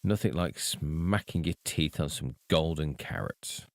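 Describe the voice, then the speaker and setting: A man casually talking to himself while playing a video game, relaxed and unhurried. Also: extremely low pitch, gravelly, no echo. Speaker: gameplay video host. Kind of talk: casual gameplay commentary.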